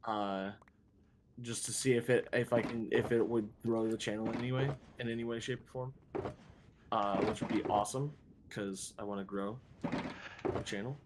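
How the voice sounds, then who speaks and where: Rambling, halting male streamer. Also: lowish voice, fairly even intonation, heavy background noise. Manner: rambling, halting, self-deprecating. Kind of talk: casual chat while gaming.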